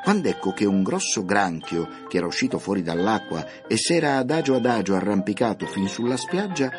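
A man with a low voice reads a children's classic aloud, swinging his pitch widely as he tells the story. Soft music plays under the narration. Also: fairly quick. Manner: lively, expressive storytelling. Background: soft background music.

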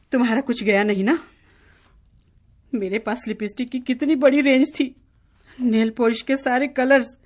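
A high-voiced aggrieved wife. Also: female voice. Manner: complaining, sulky. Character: grieving, complaining young wife. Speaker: radio drama actor. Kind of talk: radio play acting.

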